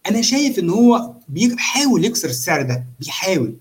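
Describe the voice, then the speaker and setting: An Egyptian-accented man talks at a very rapid clip in a slightly high voice. He casually walks through a trading exercise, explaining with animation and checking in with his listener as he goes. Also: very animated. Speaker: trader demonstrating chart analysis. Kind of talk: casual live walkthrough of a trading simulation.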